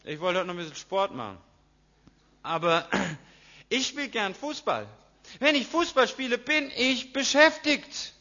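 A man preaching a lively sermon, acting out voices and swinging from hushed to loud. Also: very high-pitched, a little slow. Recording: dull lo-fi sound.

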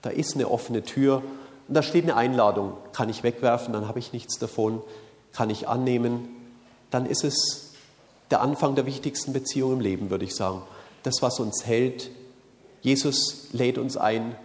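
A man giving a calm, earnest sermon to a live audience, repeating his key phrases. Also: mid-range voice, normal speed. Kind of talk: sermon-style talk on faith and science. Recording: long hall reverb.

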